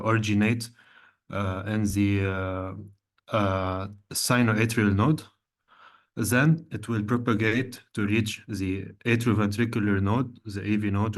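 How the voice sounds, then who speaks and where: A man from Lebanon, a cardiologist, giving a methodical online medical lecture over slides, with frequent hesitant fillers. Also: lowish voice.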